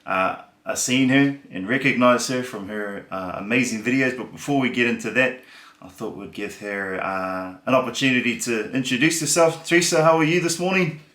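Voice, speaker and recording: A man's voice: mid-range voice, moderate pace, a bit bright. A man from New Zealand with a New Zealand accent, hosting a podcast and interviewing a guest in a friendly, casual way. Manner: friendly, with short encouraging replies. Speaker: podcast host. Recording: roomy echo.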